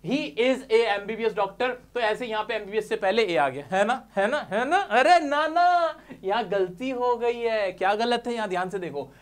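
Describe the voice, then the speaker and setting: A man's voice: high voice, normal speed, hardly any pauses. A man teaching English grammar, explaining step by step, often asking his listeners questions and answering them himself while calling them dear friends.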